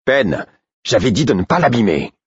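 A man's voice: low-pitched, wildly swooping pitch, normal speed, husky, no echo, muffled recording, exaggerated voice. A man voicing an irritable, imperious young royal who gives angry, exasperated orders in an audiobook reading.

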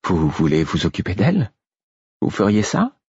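A man's voice: deep voice, wildly swooping pitch, normal speed, a little mellow, slightly rough, no room sound, lo-fi sound, full character voice. A man reading aloud and voicing an exhausted young mother who sounds weary and distressed. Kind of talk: audiobook reading.

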